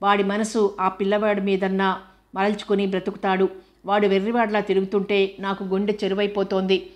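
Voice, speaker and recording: A woman's voice: medium pitch, completely flat delivery, fairly quick, muffled recording, lightly acted. Woman reading as a stern older widowed mother. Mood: reproachful. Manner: reproachful, pleading.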